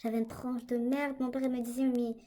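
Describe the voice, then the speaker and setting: A woman's voice: on the high side, little pitch movement, brisk, warm tone. A young woman casually telling a story for her vlog, chatty and hesitant with many fillers, recorded on a tablet indoors. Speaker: vlogger. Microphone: tablet microphone.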